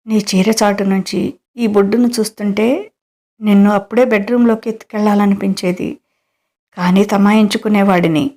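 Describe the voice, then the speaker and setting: Figure: a woman reading as a doting middle-aged employer. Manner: pleading, coaxing. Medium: audio story. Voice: mellow and flat. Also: medium pitch, fairly quick, natural voice. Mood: longing.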